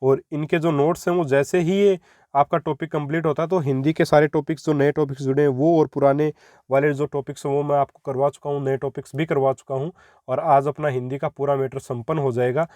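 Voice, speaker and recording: A man's voice: a little high, steady tone, fairly quick, darkish tone, no room sound. A young man teaching an exam-prep Hindi grammar lesson, explaining step by step and repeating key points for his students.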